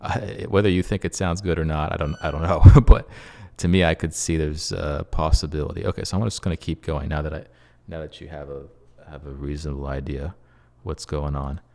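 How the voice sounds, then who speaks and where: Low gravelly man, composer thinking aloud. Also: fairly even intonation, brisk, hardly any pauses, a little mellow. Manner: muttering to himself, humming phrases. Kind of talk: casual screen-share tutorial, thinking aloud.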